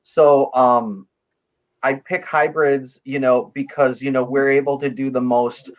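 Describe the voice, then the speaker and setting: A man on a comics panel, talking in a measured, thoughtful way with many fillers. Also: medium pitch, little pitch movement. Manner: measured, thoughtful, lots of "you know". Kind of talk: casual panel chat. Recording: dull lo-fi mic.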